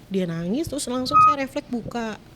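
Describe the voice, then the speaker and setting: A woman's voice: on the high side, huge pitch swings, normal speed, heavy background noise. A woman, a guest telling her own story in short clipped phrases, distressed and close to tears at times, her voice jumping up whenever she quotes someone. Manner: retells events in short clipped phrases, voice jumping up when quoting. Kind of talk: emotional personal storytelling.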